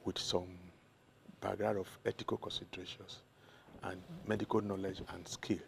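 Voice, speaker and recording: A man with a Nigerian accent, a doctor answering interview questions in a measured way that lists examples one by one. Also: low voice, level tone, gravelly, a little hiss or hum. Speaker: doctor, consultant guest.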